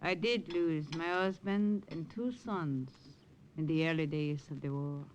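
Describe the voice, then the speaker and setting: An actress playing a gentle, motherly French village widow in a radio drama, speaking with a French accent. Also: low voice, unhurried, low-quality recording. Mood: wistful. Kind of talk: 1950s radio drama acting. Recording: hissy old radio recording.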